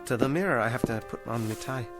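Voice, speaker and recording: A 1960s TV drama features an actor as a luckless, struggling ventriloquist, his mid-range voice fast and close to an everyday speaking voice, set over music. He sounds eager yet fretful, keeping up an anxious cheer.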